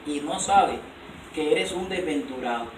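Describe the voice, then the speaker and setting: A man's voice: fairly high pitch, unhurried. A male preacher delivers an emphatic sermon, firing rhetorical questions at the congregation. His voice is picked up from a distance in an echoey hall, with faint noise underneath.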